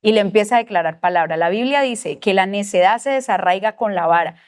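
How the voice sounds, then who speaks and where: A woman's voice: mid-range voice, a little fast, clean tone. A Colombian woman teaching a church parenting class, telling a family story and acting out the voices in it. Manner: lively storyteller who acts out the voices in her story.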